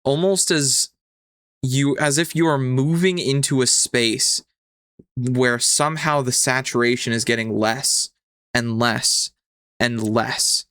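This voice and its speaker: A man narrating as game master, describing scenes slowly with some ums. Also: mid-range voice, fairly bright tone, dry recording, clean studio sound.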